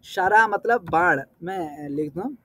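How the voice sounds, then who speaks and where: A man teaching a class, explaining terms patiently, reciting verse words slowly and often checking whether his students understand. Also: high voice, lively intonation, pushed and bright, no room sound. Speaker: Sanskrit teacher. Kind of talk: explanatory lesson.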